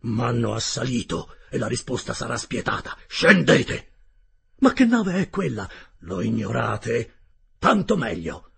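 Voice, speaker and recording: A man voicing a vengeful, proud male submarine captain who roars slow, commanding orders in a gravelly voice. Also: medium pitch, expressive, a bit bright, heavily acted. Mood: cold commanding.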